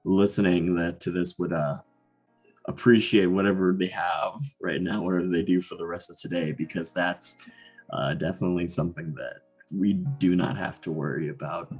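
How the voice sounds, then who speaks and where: A male podcast host with a very low voice and a husky edge chimes in on his guest's story. His remarks are short and hesitant, with a few fillers. Soft music plays faintly underneath. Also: steady tone, moderate pace, rough recording. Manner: brief, hesitant reactions with fillers. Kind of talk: casual interview.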